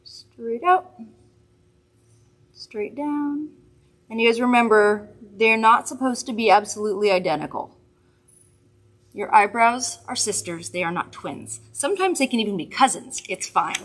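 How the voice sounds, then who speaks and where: A woman's voice: mid-range voice, animated, moderate pace, fairly bright tone. Woman host, casual makeup demo, chatty and giggly with rambling asides. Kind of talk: casual product demo chat.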